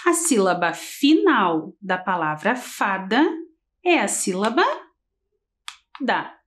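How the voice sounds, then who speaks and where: A woman teacher leading a TV literacy lesson for young children, talking in a slow sing-song and stretching syllables as she counts letters. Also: mid-range voice, very animated. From Brazil. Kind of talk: early-grade literacy lesson on TV.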